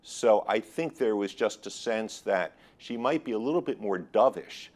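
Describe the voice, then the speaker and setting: Male finance guest, low register, analytical and considered delivery for interview answers. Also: lively intonation, normal speed, a little mellow. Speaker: guest expert on high yield bond markets.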